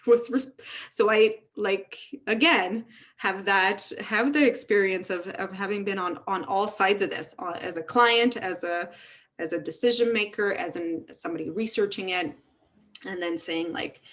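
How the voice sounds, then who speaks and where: A woman from Romania answers interview questions in a loose, candid conversational flow. Her voice sits slightly low for a woman, and she keeps restarting her sentences as her thoughts run ahead. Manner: candid, fast-flowing talk with many restarts. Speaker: interview guest, tech CEO.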